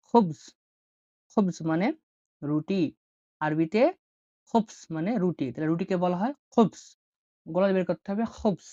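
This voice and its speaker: A woman with a lowish voice teaches letters one by one, slowly and patiently, saying each example word again and again. The sound is dry and a little dull and muffled. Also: darkish tone, no room sound. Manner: patient, repeats examples several times. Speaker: Arabic language teacher.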